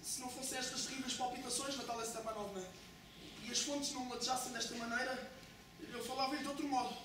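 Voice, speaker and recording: A nervous hypochondriac young landowner, played by a woman with a European Portuguese accent, quarrelsome and quick to complain in a stage play. The voice sits high and comes from across a very echoey hall. A steady hiss of noise sits behind it. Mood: ailing. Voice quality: agitated, quarrelsome, complaining of palpitations. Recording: echoey hall from far off, noisy.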